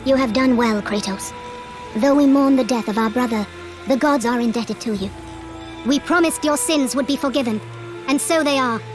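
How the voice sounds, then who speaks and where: Lady doing a regal goddess in a video game, high voice, solemn and formal, music behind her. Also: close to an everyday voice. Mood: solemn, unyielding. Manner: stately, measured, formal. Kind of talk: dramatic video game acting.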